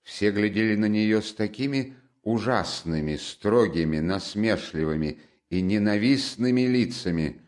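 A man reading a classic novel aloud at a measured, even pace. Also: on the low side. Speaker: audiobook narrator.

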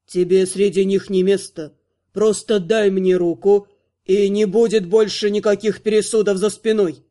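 A woman's voice: mid-range voice, fairly even intonation, normal speed, mellow, pitched below the performer's own voice, natural voice. A woman voicing an insistent older male archmage who gives firm commands. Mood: stern. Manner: insistent, pressing.

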